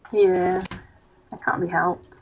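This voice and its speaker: A woman's voice: fairly low pitch, flat delivery, takes it slowly, darkish tone, a little hiss or hum. A young woman hosting a co-op game video, chatting in a rambling, giggly, self-mocking way. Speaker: let's play host. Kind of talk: casual co-op gaming chat. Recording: dull lo-fi mic.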